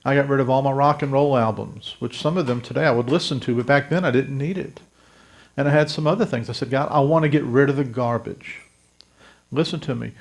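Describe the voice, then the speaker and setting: Talking at a quick pace in a gravelly, mid-range voice, a pastor in his fifties from South Louisiana, USA, recounts his life to the congregation. The testimony sermon is earnest and direct.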